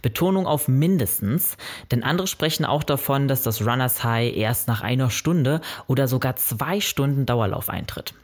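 A man presents a scripted running explainer as a running vlogger, speaking straight to the viewer in a friendly, informative way as he goes through numbered tips. His mid-range voice moves at normal speed with hardly any pauses.

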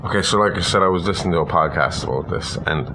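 Recapping a movie plot on a podcast he co-hosts, this man speaks quickly in a low voice, keeping things informal. Room noise can be clearly heard in the background.

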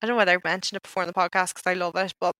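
A woman with a Northern Irish accent co-hosting a podcast, talking in a chatty, animated and informal way. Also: fairly low pitch, racing, dry recording. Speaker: podcast co-host. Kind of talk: casual podcast chat.

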